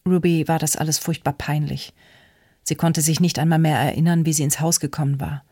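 An audiobook narrator reading a novel in an even, measured way. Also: medium pitch, breathy edge, dry recording, studio quality. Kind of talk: scripted narration.

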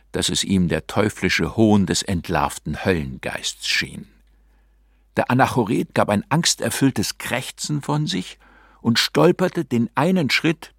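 A man with a low voice reads an audiobook in a dramatic, theatrical way. His pitch moves with lively swings, and the sound is close and dry. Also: gravelly, no room sound. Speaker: narrator. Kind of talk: scripted audiobook narration.

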